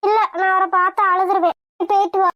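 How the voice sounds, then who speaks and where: Woman doing a high, weepy young wife. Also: flat delivery, fast, no echo, lo-fi sound. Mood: tearful. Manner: weepy, pleading. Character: tearful young woman pining for her husband.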